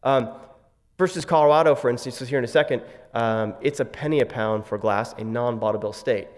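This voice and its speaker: A man's voice: medium pitch, brisk. A man giving a conference presentation in a casual way, with many fillers and wry asides. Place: conference session room. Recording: long hall reverb.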